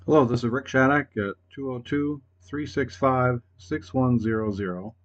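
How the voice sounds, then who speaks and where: A man leaving a long, hesitant voicemail over a landline phone, stopping often with fillers. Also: mid-range voice. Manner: hesitant, halting, many fillers. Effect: heard over a landline phone. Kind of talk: rambling phone message. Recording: muffled phone-line audio.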